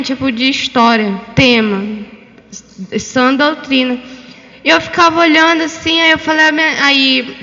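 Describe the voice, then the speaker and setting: A woman with a high, bright voice recounts a personal religious testimony in a chatty, rambling way, full of filler phrases. Her voice rings out in a long hall reverb, and the recording sounds dull and lo-fi. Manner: chatty, repeats "bem assim" and "tipo" often. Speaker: church member giving a testimony.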